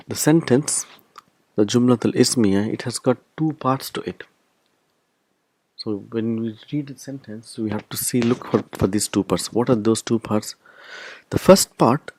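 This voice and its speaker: A man's voice: medium pitch, darkish tone, breathy edge, no room sound. A man teaching a recorded language lesson, explaining step by step and repeating key terms. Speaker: Arabic teacher.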